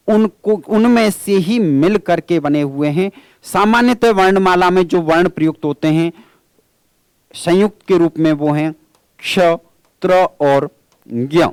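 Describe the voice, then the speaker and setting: A man's voice: a little high, darkish tone, dry recording. A male teacher giving an exam-prep grammar lecture. He asks questions and answers them himself, and he calls his listeners friends.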